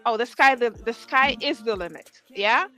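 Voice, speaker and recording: In a music studio, a woman hosts a music interview show before a live audience, effusive and encouraging, repeating phrases for emphasis. Her fairly high voice is animated, pushed and bright, at a moderate pace.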